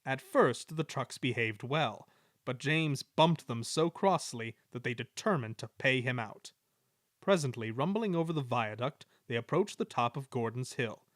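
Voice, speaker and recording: A man giving an expressive reading of a children's story. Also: medium pitch, measured pace, no room sound, studio quality. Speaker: storybook reader. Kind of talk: scripted narration of a children's story.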